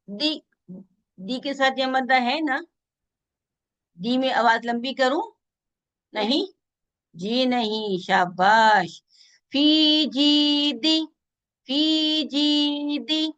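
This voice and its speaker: A woman teaching Quran recitation in an online lesson, drilling syllables and quizzing her students with quick questions. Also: fairly bright tone. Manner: drills syllables slowly and repeats them for students; recites verses slowly in a higher, drawn-out chant.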